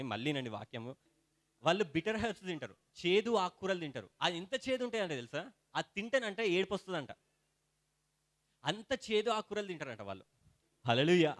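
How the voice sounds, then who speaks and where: Young preacher, high voice, dry close sound, rising to loud hallelujahs. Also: male voice, no echo. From India. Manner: lively preaching, builds to loud "hallelujah" calls. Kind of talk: sermon.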